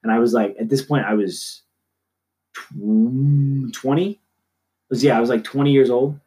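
Young adult man, podcast co-host. Chatty and easygoing, laughs often, mid-range voice that jumps higher when quoting others. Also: steady tone, measured pace, warm tone. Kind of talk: casual chat.

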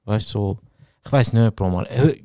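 Young swiss german dude, heated slangy rant, close dry mic. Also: male voice, on the low side, moderate pace, dark tone, no room sound. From Switzerland. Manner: heated, slangy ranting with lots of bro and man. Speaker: podcast co-host. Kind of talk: casual chat.

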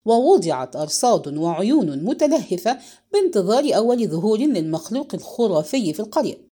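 A woman narrating a novel in a measured, expressive reading. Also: mid-range voice. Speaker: audiobook narrator. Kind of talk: scripted narration.

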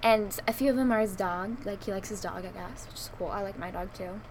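A woman's voice: mid-range voice, fairly quick, a little hiss or hum. A young woman telling a long story in casual chat, rambling, with many likes and ums, and laughing through it.

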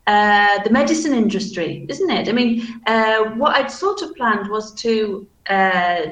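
Woman, 50s, English teacher. Softened Manchester accent with flat vowels, careful explanatory delivery, roomy echo. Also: on the high side. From Manchester, England. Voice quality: flat vowels, strong hard g in -ing endings. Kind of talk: informal question-and-answer talk. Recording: echoey room sound.

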